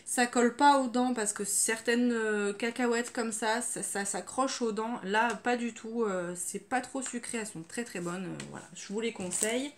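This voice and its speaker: A woman's voice: fairly high pitch, normal speed, few pauses, a little hiss or hum. A woman chatting casually through her grocery haul, full of fillers and trailing off with "voilà". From France. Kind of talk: casual haul video chat.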